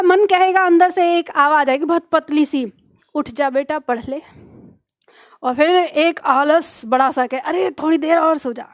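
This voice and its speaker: A woman's voice: sits high, no echo, clean studio sound. A woman teacher giving an earnest motivational talk to her students, now and then acting out a scolding inner voice.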